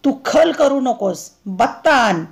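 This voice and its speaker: A woman's voice: high-pitched, expressive, takes it slowly, gravelly, exaggerated voice. A woman reading aloud the lines of a stubborn, whining middle-aged husband suffering a toothache. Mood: peevish. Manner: peevish, stubborn complaining.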